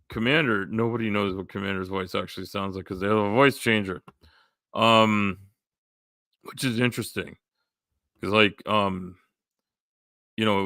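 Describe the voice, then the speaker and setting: A man hosting a casual livestream chat, rambling with lots of fillers and going hoarse. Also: on the low side, bright, forceful tone, no room sound, clean studio sound. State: losing his voice. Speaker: live stream host.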